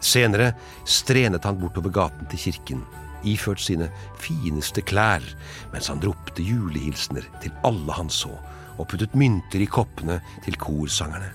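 A man giving an expressive, dramatic storybook narration. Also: sits low, faint music behind.

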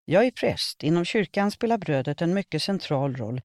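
A woman's voice: lowish voice, lively intonation, darkish tone, dry recording, clean studio sound, natural voice. A woman reading a humorous column, voicing a preachy male priest talking about bread. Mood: solemn.

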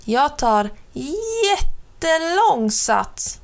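A woman reading a storybook aloud, voicing an eager, stubborn little boy who calls out excitedly. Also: high-pitched, creaky, pitched above the performer's own voice, exaggerated voice. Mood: insistent. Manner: excited calling out, insistent.

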